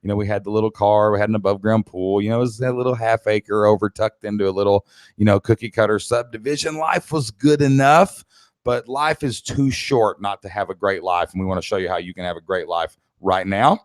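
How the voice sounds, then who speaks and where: A Kentucky man with a Southern accent coaches a live online business training, speaking in a folksy, emphatic, motivational way. His lowish voice has fairly even intonation and moves a little fast, in a studio-quality recording without room sound.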